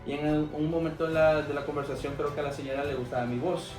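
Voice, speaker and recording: Salvadoran man, young adult, frank storyteller with many fillers; roomy studio, soft music under. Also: fairly high pitch, fairly even intonation, fast talker. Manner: frank, anecdotal, heavy on fillers like "este" and "¿verdad?". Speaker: English teacher and former call center agent. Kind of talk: casual podcast interview.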